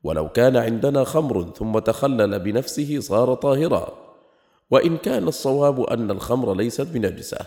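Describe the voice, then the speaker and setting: A man reading a scholarly text aloud in a measured, explanatory way, at times slightly sing-song. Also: medium pitch, expressive, dark tone. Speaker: reader. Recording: long hall reverb.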